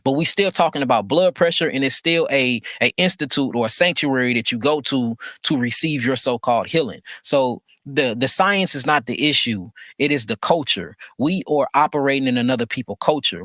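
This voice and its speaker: A man's voice: mid-range voice, animated, a little fast, few pauses, pushed and bright, no room sound, studio quality. A man, talking at length in an interview, emphatic, repeating himself and asking rhetorical questions. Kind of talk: conversational monologue.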